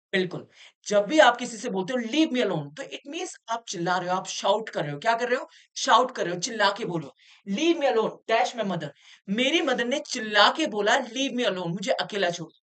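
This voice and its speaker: In a mid-range voice, a woman teaches an English lesson in Hindi. She reads English sentences slowly, explains them in Hindi, and often poses rhetorical questions to make sure the students follow.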